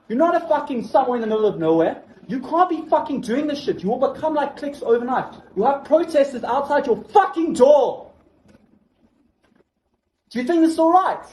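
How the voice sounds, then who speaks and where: A man's voice: very high-pitched, darkish tone. A man angrily confronting a bar owner, swearing and lecturing in a heated argument indoors at a bar. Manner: angry, profane, lecturing. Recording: echoey room with background noise.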